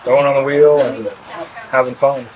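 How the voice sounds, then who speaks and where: A man talks about his craft in an easygoing, explanatory way, with a ready laugh. He is recorded outdoors at a festival, with a crowd clearly heard behind him. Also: medium pitch, moderate pace, rough recording. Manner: relaxed, explanatory, laughs easily. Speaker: potter and kiln site host. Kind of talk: casual interview.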